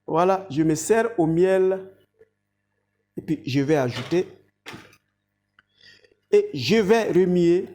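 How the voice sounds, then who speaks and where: A woman's voice: lowish voice, expressive, takes it slowly, long pauses, warm tone. A woman giving an instructive health talk and demonstration, addressing viewers directly as an educator.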